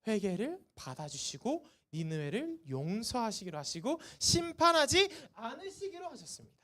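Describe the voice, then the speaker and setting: Lively woman preaching to teens. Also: on the high side, normal speed. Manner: lively, asks the students questions and answers them. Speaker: youth group teacher. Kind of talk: sermon to teenagers. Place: church service.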